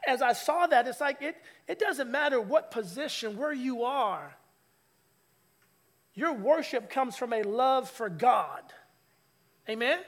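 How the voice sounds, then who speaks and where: A man preaching a conversational sermon in church, teasing the congregation and calling for their replies. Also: very high-pitched. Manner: lively, teasing, calls for audience replies. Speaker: pastor. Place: church sanctuary.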